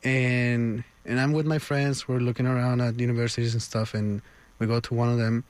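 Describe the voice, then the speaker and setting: A man's voice: medium pitch, little pitch movement, fairly quick, a little mellow, clear, resonant tone, dry recording. Hesitant young man from Peru. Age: young adult. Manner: hesitant, with many fillers and restarts. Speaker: music student guest. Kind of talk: radio interview.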